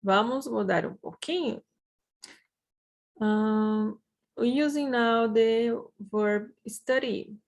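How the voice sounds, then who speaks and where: A woman with a Brazilian accent gives a language lesson at a very slow, careful pace. She repeats each word patiently before translating it. Her fairly high voice has a gravelly edge. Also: darkish tone. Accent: Brazilian Portuguese. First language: Portuguese. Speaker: language teacher.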